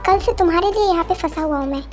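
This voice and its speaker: A woman's voice: very high voice, very fast, a little mellow. Woman doing a bossy male vampire boss. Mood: scolding. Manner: commanding, scolding. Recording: faint music behind.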